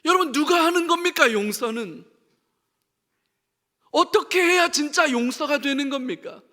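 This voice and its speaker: A man's voice: very high voice, expressive, normal speed, bright, forceful tone, big-room sound. A middle-aged male pastor preaching a sermon, questioning the congregation and acting out the voices he quotes. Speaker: senior pastor. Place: church sanctuary.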